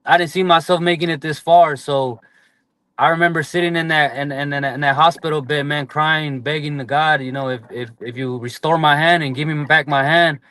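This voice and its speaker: A man's voice: fairly high pitch, steady tone, a little fast, sharp tone. A man in his late twenties, a boxer and guest, speaking earnestly and from the heart, tacking "man" and "brother" onto his sentences. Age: 20s. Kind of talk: casual interview chat.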